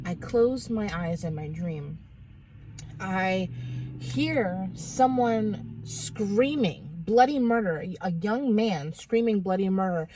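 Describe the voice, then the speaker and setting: A woman's voice: mid-range voice, darkish tone, slight background noise. A woman casually recounting a dream in a rambling, hesitant way, with many restarts.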